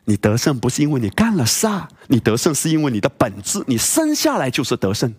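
A man's voice: mid-range voice, huge pitch swings, a little fast, a little mellow, breathy edge. A male pastor preaching a sermon, emphatic and full of rhetorical questions and exclamations.

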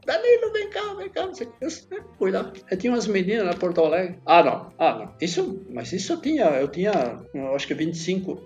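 A man's voice: high-pitched, warm tone. A man, a podcast guest rambling through stories and acting out the dialogue he quotes. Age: 70s. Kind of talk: casual storytelling. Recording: dull lo-fi podcast audio with faint music.

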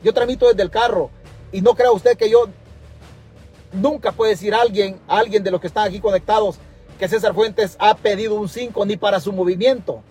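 Impassioned Salvadoran man, high husky voice. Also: a little mellow. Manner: impassioned, repetitive, preachy. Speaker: political commentator. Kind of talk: livestream rant. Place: in his car.

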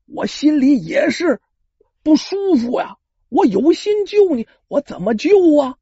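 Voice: high voice, big pitch swings, a little slow, mellow, no echo, pitched above the performer's own voice. A storyteller voicing a timid young man who stammers and hesitates, in a storytelling performance, on a dull lo-fi recording.

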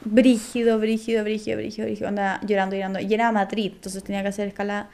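A woman's voice: mid-range voice, flat delivery, fast, darkish tone. A young woman from Chile with a Chilean accent, chatting casually as a podcast guest, rambling with slang and fillers. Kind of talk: casual chat.

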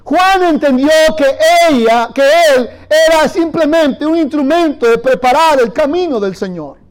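Man, pastor, sermon, very high voice, call-and-response with the congregation. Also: lively intonation, measured pace. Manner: storytelling, addressing the church directly.

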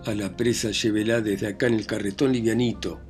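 A man's voice: fairly low pitch, steady tone, brisk, faint music behind, natural voice. A man reading aloud plays a stern, bullying village magistrate who interrogates and barks orders. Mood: commanding. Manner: interrogating, commanding, shouting.

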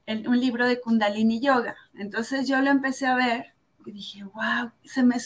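A woman's voice: on the high side, steady tone. A woman, a yoga instructor telling her story in an interview, earnest and reflective, often tagging her phrases with "¿no?". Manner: earnest and reflective, tags phrases with "¿no?", slows down for emphasis. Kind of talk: personal testimony in an interview.

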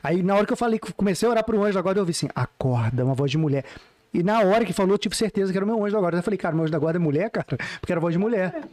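Rapid-fire man telling a story. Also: high-pitched. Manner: animated, repeats phrases for emphasis. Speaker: podcast co-host. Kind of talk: casual chat, telling a personal story. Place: podcast studio.

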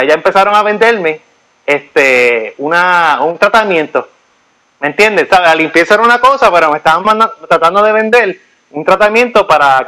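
Animated high-voiced man telling stories. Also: poor audio. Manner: animated storytelling, repeats himself. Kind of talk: casual chat. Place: United States.

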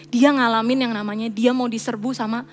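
A young woman, preaching in a chatty, animated way and slipping in English phrases. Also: on the high side, brisk. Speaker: church speaker. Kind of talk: casual sermon. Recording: reverberant church hall with faint music.

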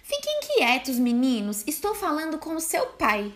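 A woman's voice: high voice, wildly swooping pitch, normal speed, voice pushed up. A woman voicing a stern, bossy mother goat in a storybook reading, scolding and fussing.

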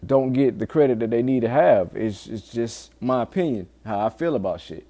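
A man's voice: medium pitch, lively intonation, normal speed, warm tone. A man speaking casually and candidly in a solo podcast monologue, swearing often and earnestly pleading with listeners in urgent warnings. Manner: informal, frequent swearing. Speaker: podcast host.

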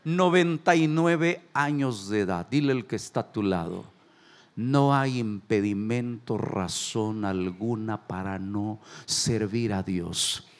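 A Mexican pastor preaching a sermon, animated and joking, urging the congregation to repeat phrases after him. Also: male voice, fairly low pitch, slow pace. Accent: Mexican Spanish. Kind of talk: sermon with jokes and call-and-response.

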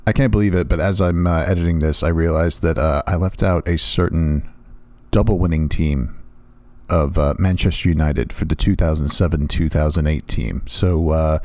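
Brief: very deep male host, morning grogginess, rambling aside, dry close sound. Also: fairly even intonation, normal speed, darkish tone, no room sound. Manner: rambling, self-correcting, many "uh" fillers. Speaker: podcast host editing the show. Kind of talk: recorded aside to listeners.

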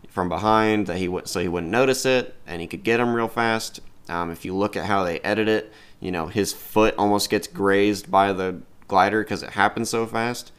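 A man's voice: on the low side, smooth. A man ranking movies in a casual vlog, talking in an enthusiastic, rambling way and swearing freely. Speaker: movie reviewer.

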